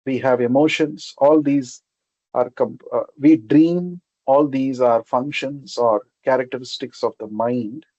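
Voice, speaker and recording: Telugu accent indian guy doing a religious class, explains stuff and repeats key terms, soft mellow tone, dry but kinda muffled audio. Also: medium pitch, a little slow, dry recording. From South India. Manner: didactic, repeats key terms, tags statements with questions. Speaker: spiritual teacher giving a scripture class. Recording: dull lo-fi sound.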